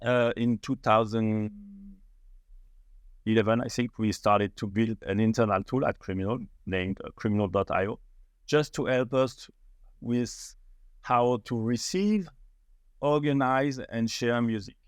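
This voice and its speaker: The guest is a middle-aged startup founder from France being interviewed on a podcast, his French-accented voice medium in pitch, a bit slow and clean in tone. He speaks hesitantly with frequent fillers and restarts, and there's no room sound.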